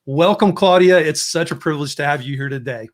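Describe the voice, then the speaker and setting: Slightly high-voiced male podcast host. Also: brisk. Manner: reads a guest introduction, then chats with short backchannels. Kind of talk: interview hosting.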